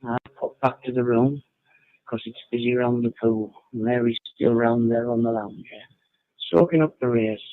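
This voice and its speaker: A man calling in to an amateur radio net from a holiday hotel room through a phone link, chatting in a relaxed way and signing off with call signs over a tinny radio channel. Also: mid-range voice, moderate pace, no echo. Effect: tinny amateur radio link, narrow band. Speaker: ham radio net caller. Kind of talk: casual radio check-in chat. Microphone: phone over internet radio link.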